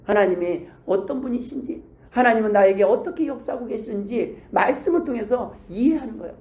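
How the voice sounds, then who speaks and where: A male pastor preaches in a high voice, talking with the congregation through rhetorical questions. He acts out prayers and replies in shifting voices. The sound is roomy, with the echo of a church sanctuary. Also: lively intonation, a little fast, darkish tone. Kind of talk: sermon.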